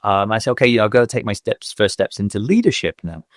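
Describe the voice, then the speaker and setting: A lowish, expressive male voice moves at a quick pace, recorded cleanly in a studio with no room sound. The speaker, a school owner in his thirties from Manchester, England, chats about his career as a podcast guest. He has a Mancunian accent and uses lots of fillers.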